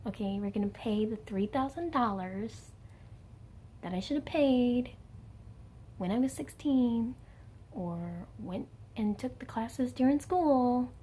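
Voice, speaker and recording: Chatty woman in her late twenties, mellow voice. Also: on the high side, a little hiss or hum. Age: late 20s. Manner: chatty and candid, many fillers, wry self-mockery. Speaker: vlogger. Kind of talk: casual personal vlog talk.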